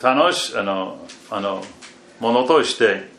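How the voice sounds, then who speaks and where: Slow, halting male preacher in an echoey room. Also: fairly low pitch, lively intonation. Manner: slow and halting, with repeated fillers and restarts; phrases often trail off very quietly. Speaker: pastor. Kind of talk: sermon reading scripture. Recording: echoey room, faint background noise.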